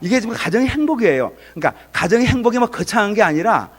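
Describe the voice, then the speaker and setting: Lively middle-aged male pastor preaching. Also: sits high, fast. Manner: animated, acts out angry and gentle parents in quoted asides. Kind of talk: sermon.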